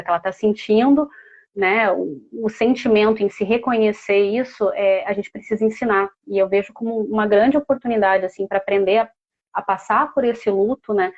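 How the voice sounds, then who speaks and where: A woman's voice: mid-range voice, a little mellow, muffled recording. A mother speaking as a guest, telling a personal story in a heartfelt, casual way with many fillers.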